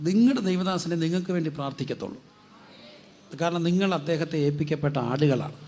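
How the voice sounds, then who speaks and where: A man preaching as a guest pastor, asking rhetorical questions, answering them himself and urging the congregation to repeat after him louder. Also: high-pitched. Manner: drives call-and-response, urging the crowd to say it louder. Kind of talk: sermon.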